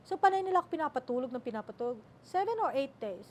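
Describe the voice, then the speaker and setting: A middle-aged Filipino woman with a Filipino accent, telling her story as an interview guest, animated and acting out the voices she quotes. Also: sits high, quick pace, slight background noise. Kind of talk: emotional sit-down interview.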